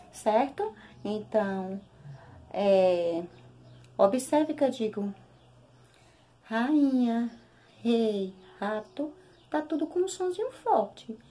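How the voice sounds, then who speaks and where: Brazilian woman teacher, young, highish lively voice, unhurried child-friendly delivery. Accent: Brazilian Portuguese. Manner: slow, sing-song, drawing out syllables for children. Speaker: primary school teacher. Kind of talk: recorded lesson for young children.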